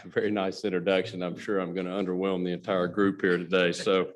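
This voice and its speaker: Deep-voiced and brisk, with a level tone, a middle-aged Alabama man gives an earnest speech at a luncheon. As the guest speaker and a company president, he tells stories and speaks directly to his audience.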